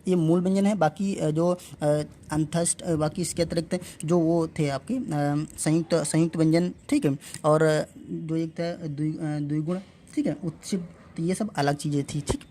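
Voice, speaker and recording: A woman's voice: low voice, steady tone, normal speed, warm tone, slight background noise. Woman drilling Hindi letter sounds. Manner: repeats and drills sounds aloud, asks then answers; addresses viewers as friends. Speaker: teacher. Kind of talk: exam-prep lesson.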